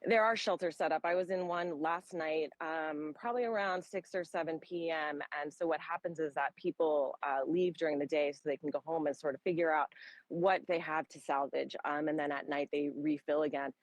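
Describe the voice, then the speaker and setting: A woman's voice: deep voice, steady tone, moderate pace, no echo, rough recording. A woman, a humanitarian relief worker, giving spontaneous, explanatory answers in a news interview, feeling her way through phrases.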